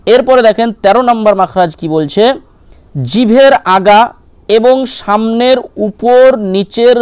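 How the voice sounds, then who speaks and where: A man's voice: sits high, smooth, no echo. A man teaching Quran pronunciation, patiently repeating each letter sound several times.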